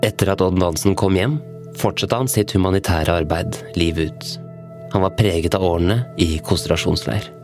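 A man narrating a scripted history story in a calm, plain way. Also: sits low. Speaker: podcast narrator. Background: faint music.

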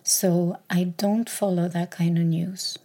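A woman's voice: lowish voice, little pitch movement, takes it slowly, dark tone. A woman talking alone on her podcast in a reflective, hesitant way, with many fillers and repeated words. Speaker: podcast host.

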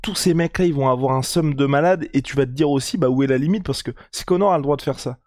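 A man co-hosting a casual sports podcast, talking in an animated, colloquial way and thinking aloud. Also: medium pitch, fast, no echo, studio quality. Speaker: podcast co-host. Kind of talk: casual chat about MMA.

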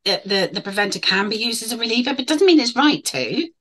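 A woman's voice: on the high side, expressive, quick pace, a bit bright. A woman, a nurse and guest, chatting casually and telling a story with frequent asides. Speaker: nurse and healthcare consultant, guest. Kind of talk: casual conversational chat.

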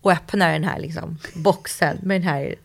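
A woman in casual chat, telling a story in a lively way and acting out quoted lines. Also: lowish voice, creaky.

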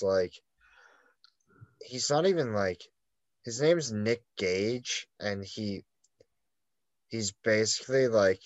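A man's voice: lowish voice, no echo. Rambling man with constant fillers. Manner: rambling storyteller, heavy "like" fillers and swearing. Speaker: podcast co-host. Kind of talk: casual podcast chat.

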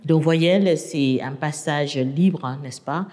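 A woman's voice: deep voice, takes it slowly, warm tone, in a large hall. A native Burmese-speaking woman, a university lecturer, explaining her language in an interview with hesitant, restarting speech.

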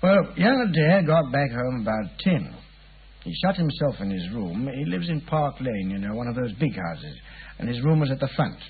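An actor playing a weary, puzzled English police inspector, chatty and deferential, in a 1950s radio drama. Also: male voice, medium pitch, big pitch swings, normal speed, husky, phone-quality sound, exaggerated voice. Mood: confiding. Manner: hesitant, colloquial, deferential.

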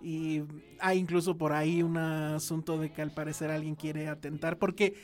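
A woman's voice: deep voice, little pitch movement, normal speed, darkish tone. A woman with a Mexican accent, hosting a casual film chat podcast, joking and slangy with frequent laughs. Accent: Mexican Spanish. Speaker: podcast host.

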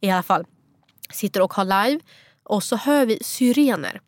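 A young woman from Sweden co-hosting a podcast, telling stories in a lively, animated way. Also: mid-range voice, no room sound. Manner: lively storyteller, animated retelling. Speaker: podcast co-host. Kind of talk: casual chat.

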